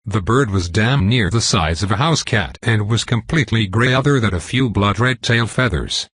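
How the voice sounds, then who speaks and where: A man's voice: fairly low pitch, normal speed, a bit bright, slightly rough, no room sound. A man narrating a comedic fantasy audiobook in the first person, wry and profane.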